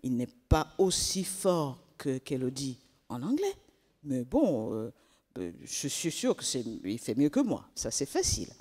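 A woman's voice: very deep voice, huge pitch swings, a little slow, a little mellow, breathy edge, voice pushed down, exaggerated voice. A woman voicing a schoolboy who stumbles and hesitates, in an echoey church. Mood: hesitant. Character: boy schoolchild struggling with English.

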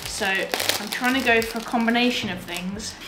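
A young woman talks through her day in an upbeat, chatty vlog, her voice sitting a touch high. The room around her is echoey, with faint music playing underneath. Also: moderate pace. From England. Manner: chatty and upbeat, with frequent laughs. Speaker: vlogger and marathon runner. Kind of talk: casual vlog chat.

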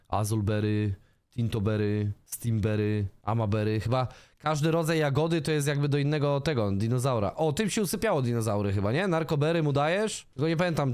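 Young guy narrating his game, chatty, cusses a lot, yells when things go wrong. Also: medium pitch, clear, resonant tone, no echo, clean studio sound. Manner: chatty, swears often, shouts in panic. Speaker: gaming streamer. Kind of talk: casual let's-play commentary.

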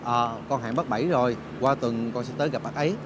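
An actor playing a polite, dutiful young man who speaks softly and reassuringly. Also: medium pitch, quick pace, close to an everyday voice. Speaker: son phoning his mother. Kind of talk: TV drama acting. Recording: rain noise behind the voice.

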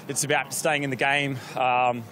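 A triathlete giving a chatty post-race interview outdoors, shivering from the cold and talking with many fillers and restarts. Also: male voice, medium pitch, flat delivery, moderate pace, pushed and bright, a little hiss or hum.

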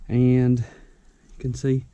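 A man's voice: medium pitch, completely flat delivery, drawn-out words, warm tone, dry recording, highs cut off. Winded man on a mountainside. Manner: folksy, rambling, repeats tips. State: out of breath. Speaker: ginseng hunter vlogger. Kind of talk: casual outdoor how-to vlog. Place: wooded mountainside outdoors.

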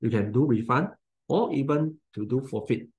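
A man in his forties with a Malaysian English accent, talking through a software tutorial in plain step-by-step instructions. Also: medium pitch, moderate pace, slightly rough. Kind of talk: screen-recorded software tutorial.

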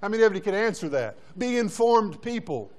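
High-voiced man preaching a sermon. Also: big pitch swings, a little fast, a little mellow. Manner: exhorting, repeats short commands, asks the congregation questions. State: out of breath. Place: church sanctuary.

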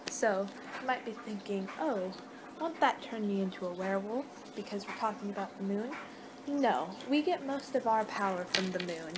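Animated and moderately paced, a young American woman's mid-range voice rambles through a conversational ASMR roleplay as a vampire. She records on an amateur webcam at home in the living room, and the audio is noisy.

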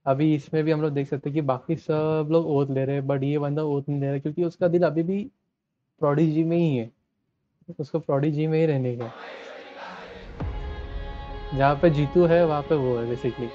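A man's voice: on the high side, steady tone, moderate pace, long pauses, dark tone, faint music behind. A young man casually commenting on a trailer, mixing in English and restarting phrases as he talks. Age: young adult. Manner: chatty, mixes Hindi and English, trails off and restarts. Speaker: trailer reaction host. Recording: dull, lo-fi dry sound.

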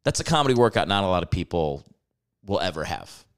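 Smooth-voiced male podcast host. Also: low-pitched, sing-song, fast talker. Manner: easygoing, teasing, affirming. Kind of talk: casual podcast chat.

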